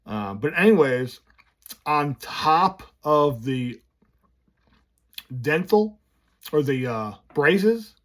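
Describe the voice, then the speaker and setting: A man's voice: on the high side, sing-song, extremely slow, long pauses, a bit bright. A man talking casually to camera from his office in a vlog, candid and rambling, his speech slurred by new braces. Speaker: vlogger running a business.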